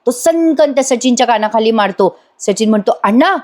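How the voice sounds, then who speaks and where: A woman reviewer retelling a TV serial episode in voice-over, speaking directly to viewers with lively storytelling. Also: on the high side, fairly quick.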